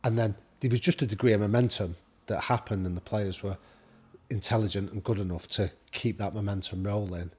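Speaking fairly quickly, this British guest expert on high performance swaps stories conversationally, voicing the dialogue he quotes. His low, steady voice has a dark, husky tone.

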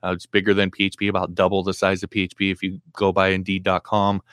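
A man's voice: sits low, monotone, fast talker, fairly bright tone, no room sound, studio quality. A man hosting a casual live stream Q&A, reading viewer comments aloud and answering with blunt, practical advice, full of fillers and restarts.

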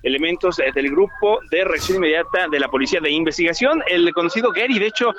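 A Mexican man reports news live from the field in a high, quick voice. The remote link is muffled, with clear noise around him.

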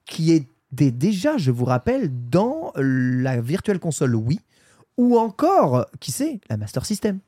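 A man's voice: fairly high pitch, huge pitch swings, unhurried, warm tone, breathy edge, dry recording, studio quality. A man hosting a casual gaming podcast, chatty and playful, reading out chat polls and listener questions. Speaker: podcast host.

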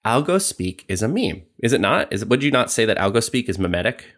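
A man co-hosting a discussion, explaining ideas in an animated way with rising emphasis. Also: lowish voice, fast.

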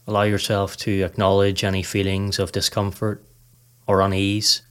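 This is a scripted guided meditation led by a man whose fairly low voice stays measured, calm, and nearly level in pitch. His gentle directions to listeners sound like those of a podcast host.

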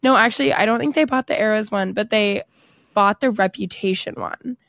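A woman's voice: mid-range voice, a little fast, creaky, a bit bright, no echo, studio quality. A woman co-hosting a casual podcast with a sick, congested, scratchy voice, as if talking with her nose pinched. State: stuffed up from being sick. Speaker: podcast co-host. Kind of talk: casual chat.

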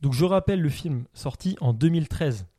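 Podcast co-host, male, mellow dark tone, eager but halting delivery, recommends films. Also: on the high side, lively intonation. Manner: enthusiastic, hesitant with many fillers, laughs often. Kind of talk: casual film chat.

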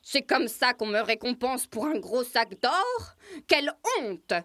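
A woman's voice: sits high, sing-song, measured pace, sharp tone, no room sound, clean studio sound, exaggerated voice. A woman voicing a proud, stubborn and bossy male rooster in a children's storybook recording. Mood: indignant. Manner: pompous, commanding. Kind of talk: storybook acting.

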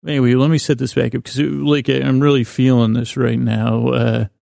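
This is a meandering bedtime monologue, murmured soothingly by a man whose voice is creaky and middle-pitched. He speaks very flatly, stumbling into restarts and letting sentences drift off unfinished. There's no room sound; the audio is intimate and dry, like a podcaster addressing you directly.

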